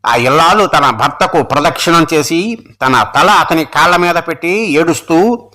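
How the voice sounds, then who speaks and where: A man reading a folk tale aloud in a measured, expressive storytelling manner. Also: on the high side.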